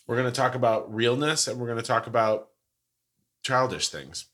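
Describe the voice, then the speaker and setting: A man's voice: mid-range voice, normal speed, a bit bright. A man co-hosting a podcast, chatting casually, joking and swearing freely. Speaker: podcast co-host.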